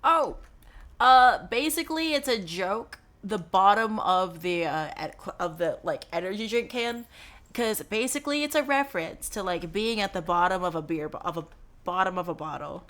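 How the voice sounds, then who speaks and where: A woman's voice: medium pitch, animated, moderate pace, fairly bright tone. A woman in her twenties chatting casually on a live stream while gaming, rambling with lots of fillers and offhand swearing. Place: her dorm room.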